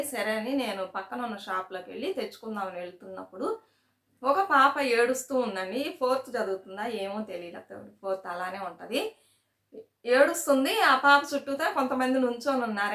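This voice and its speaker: A woman's voice: on the high side, a bit bright. A woman hosting a savings vlog, talking casually to her viewers, often checking in with them and retelling small everyday stories. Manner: chatty, repeats "సరేనా?" to check in with viewers; storytelling, retells anecdotes with quoted dialogue. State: sweating in summer heat. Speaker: savings channel host. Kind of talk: casual chat to camera. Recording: echoey room.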